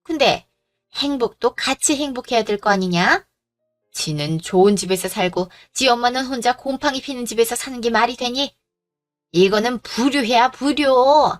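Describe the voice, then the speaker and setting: A woman's voice: a little high, moderate pace, soft background music, lightly acted. A woman voicing a pushy, greedy middle-aged mother-in-law who scolds and makes demands, in a storybook drama reading. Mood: scolding.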